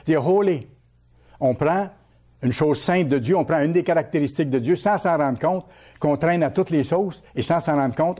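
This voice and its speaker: A man's voice: fairly high pitch, mellow. A man preaching a sermon as a pastor, teaching by repeating key words and asking his listeners questions.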